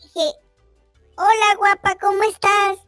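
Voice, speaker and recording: A man voicing a naive little chick schoolboy on a radio show, speaking in a high, childlike voice. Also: level tone, takes it slowly, sharp tone, no room sound, clean studio sound, faint music behind, heavily acted. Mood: storytelling. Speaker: comic sidekick character.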